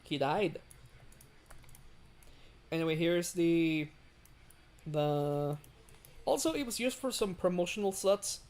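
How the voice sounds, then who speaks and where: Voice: medium pitch, slow pace, long pauses, a little mellow. A livestreamer chatting casually while building a railway in a game, rambling with many fillers and greeting chat. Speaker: livestream host.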